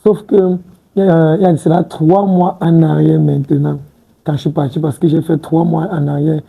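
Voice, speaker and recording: A man's voice: a little high, flat delivery, moderate pace, creaky, breathy edge, narrow, tinny audio. A man in his twenties, a guest in a studio interview, talking casually and hesitantly, restarting words and often adding "tu vois un peu". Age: 20s. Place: TV studio set.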